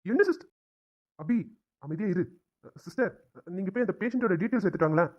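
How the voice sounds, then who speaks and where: Young cartoon doctors who trade chummy, brisk banter. The voice sits high for a man and moves fast. It comes through a dull, lo-fi recording. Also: lively intonation. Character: young male doctors, the hero and his friend. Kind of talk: cartoon drama dialogue.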